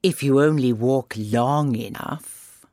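Grinning storybook cat, voiced by a man, slow drawl, shifted well up in pitch, languid, teasing, nonchalant. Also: a little mellow, dry recording, natural voice. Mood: languid, amused. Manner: drawn-out, nonchalant. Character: languid, good-natured grinning male cat, teasing and unhurried.

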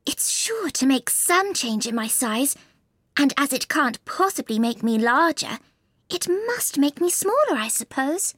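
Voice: sits high, sing-song, unhurried, a bit bright, dry recording, clean studio sound, pitched above the performer's own voice, heavily acted. A narrator voicing a curious, spirited young girl in a storybook, musing primly to herself. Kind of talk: storybook character voice.

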